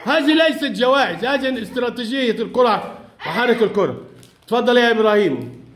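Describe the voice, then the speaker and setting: A male teacher leading a lively classroom lesson, his voice sitting high and swinging widely in pitch. He speaks with a lilt and coaxes the children along, often laughing as he goes. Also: fast, a little hiss or hum. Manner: coaxing, encouraging, laughs often. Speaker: primary school teacher.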